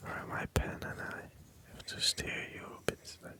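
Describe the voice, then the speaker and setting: An ASMR video creator whispers softly and breathily, rambling gently with hesitant pauses and repeated phrases.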